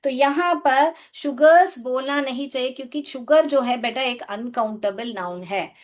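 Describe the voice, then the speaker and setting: A woman's voice: high-pitched, moderate pace. A woman English teacher from India giving a live online class in Hindi, coaxing her pupils, asking them questions and calling them "beta". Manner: coaxing, calls students "beta", asks questions.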